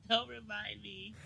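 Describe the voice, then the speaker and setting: A young woman co-hosting a podcast, telling stories in a giggly, animated way. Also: medium pitch, vocal fry, slight background noise, low-quality recording. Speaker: podcast co-host. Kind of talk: casual chat. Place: South Korea.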